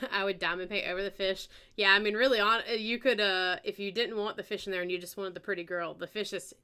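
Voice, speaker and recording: A woman with a Southern American accent hosts a live-stream auction in a relaxed, chatty way. Her voice has a bright, forward edge, and her pitch sits in the middle range for a woman. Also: clear, resonant tone. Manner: chatty, unhurried, reads out bids and details.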